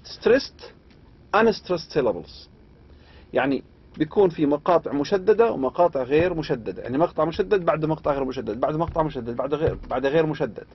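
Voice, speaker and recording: A man with an Arabic accent lecturing on poetry, reading slowly and adding quick asides. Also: on the high side, husky. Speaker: university lecturer. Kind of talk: lecture explaining English meter, mixing English and Arabic. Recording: dull lo-fi lecture recording.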